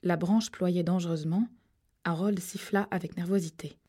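A woman reading a suspense novel aloud, steady and measured. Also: on the low side, husky. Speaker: audiobook narrator. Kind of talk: scripted narration.

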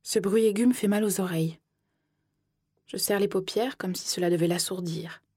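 Woman reading an audiobook in first person, soft measured delivery, husky low voice, dry close sound. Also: dry recording. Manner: soft, measured, slipping into whispers. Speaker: audiobook narrator.

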